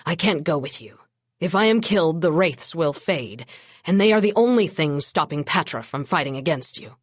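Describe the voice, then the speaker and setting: An ancient male vampire, grave and weary, talks in a low rasp that sits well below an ordinary voice, as a woman narrator puts him on. He sounds like an audiobook figure, recorded close and dry. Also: animated, normal speed, no echo. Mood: urgent. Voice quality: rasping, low.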